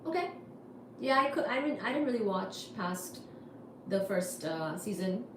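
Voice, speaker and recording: A woman's voice: medium pitch, animated, measured pace. A woman from India hosting a casual livestream, answering chat comments with wry asides. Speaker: livestream host. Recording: echoey room with faint noise.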